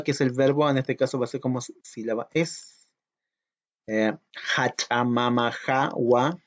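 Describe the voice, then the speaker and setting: Male teacher, mid pitch, patient and repetitive, muffled lo-fi audio. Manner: slow, patient, repeats each word twice. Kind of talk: online language lesson for children. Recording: dull lo-fi audio.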